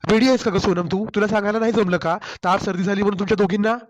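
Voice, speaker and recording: A man's voice: sits high, fairly even intonation, racing, highs cut off, lightly acted. A man voicing a caring young husband in a cartoon story, coaxing and concerned in a Marathwada Marathi accent. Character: caring office-going young husband, gentle.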